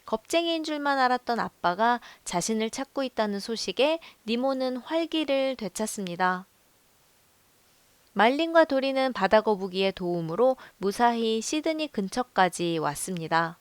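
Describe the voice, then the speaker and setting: A woman narrating a film review in a calm, measured storytelling voice. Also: on the high side, smooth, no room sound. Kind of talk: scripted voice-over narration.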